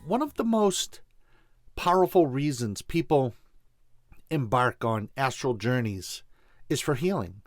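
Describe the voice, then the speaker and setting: A man's voice: mid-range voice, dry recording, clean studio sound. A man from Boston with a Boston accent, hosting a motivational spiritual talk show in a folksy way, speaking straight to listeners. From Boston, USA. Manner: folksy, addresses listeners directly. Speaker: show host.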